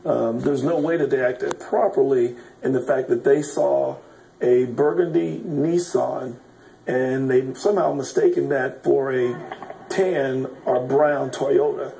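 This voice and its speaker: A man who is an attorney, calmly and deliberately disputing a police statement in a news interview. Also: medium pitch, gravelly, slight background noise, low-quality recording. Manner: deliberate, argumentative.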